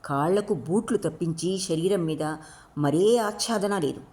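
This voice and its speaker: Lower-voiced woman narrating a novel. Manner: steady, expressive storytelling. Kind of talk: audiobook reading of a novel.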